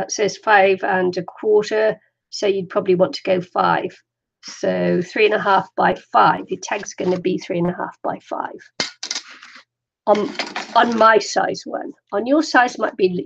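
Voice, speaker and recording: Streaming a casual zine tutorial, a chatty older crafter from the Welsh borders rambles along, pokes fun at herself, and laughs frequently. She speaks at a medium pitch with vocal fry, and the audio is dull.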